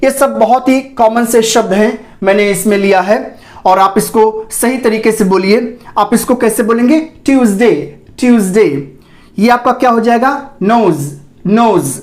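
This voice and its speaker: A man teaching a pronunciation class, asking himself questions and repeating each sound slowly for the learner. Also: very high voice, fairly even intonation. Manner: explains slowly, asks rhetorical questions, repeats sounds for drill. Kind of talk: online class lesson.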